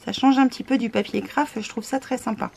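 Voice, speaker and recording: A woman's voice: a little high, fairly even intonation, a little fast, vocal fry, darkish tone, a little hiss or hum. A tired woman describing scrapbooking papers in casual unboxing commentary, with hesitant talk, many fillers and self-deprecating asides. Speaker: scrapbooking vlogger.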